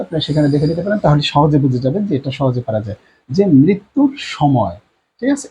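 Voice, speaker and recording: A man teaching a language lesson at a board, repeating each word slowly and often, with many drawn-out fillers and a Bangladeshi Bengali accent. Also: on the high side, dark tone, slight background noise, rough recording.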